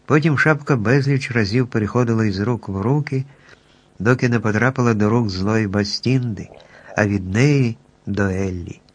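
A man calmly narrating a children's storybook at an even pace. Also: lowish voice, normal speed.

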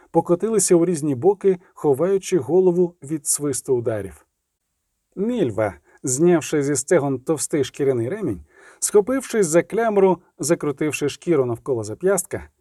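A man reads a fantasy audiobook with steady, dramatic storytelling. His voice sits slightly high for a man, with a dark, mellow timbre, recorded close and dry with no room sound. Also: no room sound. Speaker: narrator.

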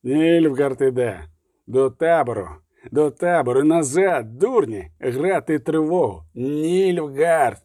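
A man's voice: mid-range voice, sing-song, unhurried, warm tone, slightly rough, no echo, clean studio sound. A man voicing a hardened male monster hunter who barks curt orders. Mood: shouting.

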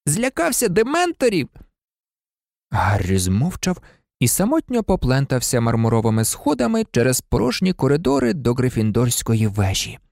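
A male audiobook narrator reads in a theatrical way, with his pitch swinging widely. His voice is gravelly. The recording is dry and close. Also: huge pitch swings, moderate pace, a little mellow, no room sound. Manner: theatrical, varied. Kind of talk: expressive audiobook reading.

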